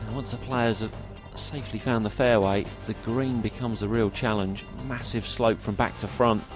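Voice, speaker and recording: A man's voice: fairly low pitch, steady tone, moderate pace, music in the background. A man giving golf commentary, analysing each shot of a tournament.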